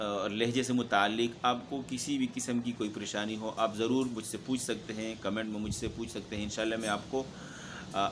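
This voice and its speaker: A man who teaches Quran recitation, giving a steady instructional talk to fellow teachers and often pausing to check in with them. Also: fairly low pitch, a little hiss or hum. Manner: steady explaining, frequent "theek hai" check-ins.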